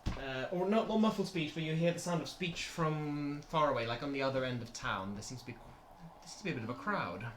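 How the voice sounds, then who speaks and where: Bright-voiced man narrating a tabletop game. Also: medium pitch, quick pace. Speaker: game master. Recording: roomy echo, faint noise.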